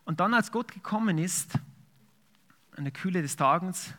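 Bright-voiced man preaching. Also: high voice, animated, measured pace. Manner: conversational preaching with fillers, reads scripture aloud. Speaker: pastor. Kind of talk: sermon.

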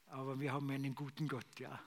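A man's voice: mid-range voice, a bit bright. A middle-aged man giving a conversational sermon testimony, full of fillers and restarts. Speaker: preacher.

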